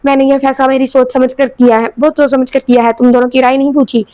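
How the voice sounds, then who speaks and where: A woman's voice: high-pitched, level tone, dark tone, smooth, no room sound, close to an everyday voice. Woman reading as a stern old grandfather. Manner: commanding and stern.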